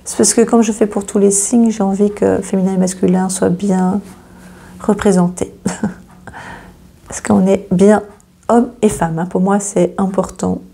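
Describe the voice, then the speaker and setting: Woman host, low gravelly voice, hesitant and reassuring astrology talk, flat delivery. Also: a little slow, pauses often. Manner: hesitant, many fillers and repeats, gently reassuring. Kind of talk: casual astrology reading to camera.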